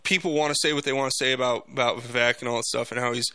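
A man hosting a political talk podcast, speaking off the cuff in a halting but emphatic monologue. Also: medium pitch, fairly even intonation, bright, forceful tone, clear, resonant tone, no room sound.

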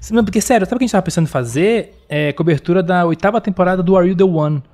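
A Brazilian man with a fairly high voice chats as a podcast co-host. He speaks very quickly, in an excitable, campy, casual style. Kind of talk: casual group podcast chat.

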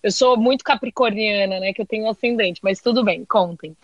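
A woman's voice: mid-range voice, fairly quick, no room sound, dull audio. A Brazilian woman co-hosting a casual podcast, hesitant and self-deprecating as she talks. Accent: Brazilian Portuguese.

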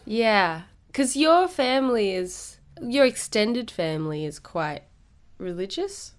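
A woman's voice: mid-range voice, very animated, slow pace. A woman chatting casually and playfully as a podcast host, often teasing. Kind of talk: casual chat.

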